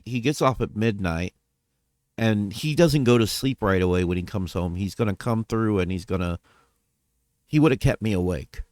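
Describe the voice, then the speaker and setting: Low-voiced man rambling through a vlog. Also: no echo, studio quality. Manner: rambling, self-correcting, trailing off. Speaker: vlogger. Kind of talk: casual personal vlog update.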